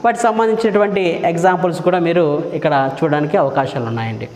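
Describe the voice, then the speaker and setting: A male grammar teacher explains a lesson in a question-and-answer style, asking his listeners questions, answering them himself, and repeating key terms. He slows down to dictate English definitions. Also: a little high, very animated, slight background noise. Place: room with a board. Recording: echoey room with long reverb.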